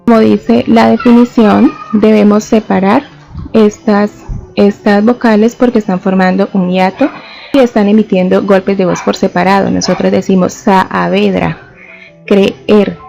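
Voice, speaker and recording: A patient woman teacher walks through a lesson step by step, saying each example word slowly. Her voice is mellow and rather dark, at a middle pitch. The voice-over sounds dull and lo-fi, with faint music underneath. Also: fairly even intonation, creaky. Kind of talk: classroom lesson.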